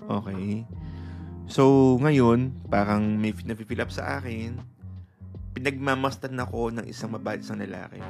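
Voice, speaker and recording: A man with a gravelly, fry-edged voice tells a personal story on his podcast. He is casual and animated, acting out dialogue between long runs of fillers. Soft guitar music plays underneath. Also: medium pitch, normal speed. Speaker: podcast host. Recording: guitar music playing behind.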